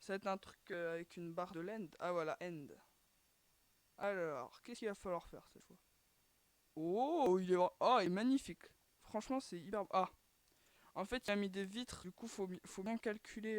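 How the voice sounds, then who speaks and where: A woman's voice: mid-range voice, moderate pace, no echo. Woman, gameplay commentary, casual and chatty, mid-range voice, dry close sound. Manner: chatty, filler-heavy, keeps sighing "too bad" at failed attempts. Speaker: gaming channel host.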